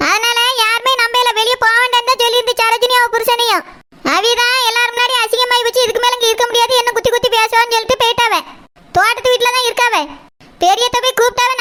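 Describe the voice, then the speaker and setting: Woman voicing a cartoon daughter, very high, bright, quick, reassuring. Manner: reassuring, explaining at length. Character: grown daughter Saroja, anxious, soothing.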